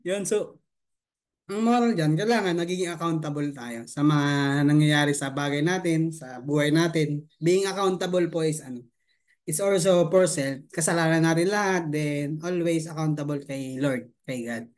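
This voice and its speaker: A man's voice: fairly high pitch, normal speed. A man who coaches affiliate marketing, telling a funny story on a live stream and laughing often as he chats.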